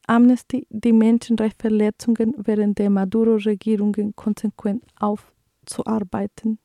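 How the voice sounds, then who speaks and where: A Colombian woman of around forty hosts a radio segment in German, her Spanish accent clear as she searches for words and speaks earnestly. Her voice sits fairly high yet stays even and flat in its melody. The sound is dry and close, with no room around it. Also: no echo. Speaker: radio show host. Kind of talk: radio moderation with read news.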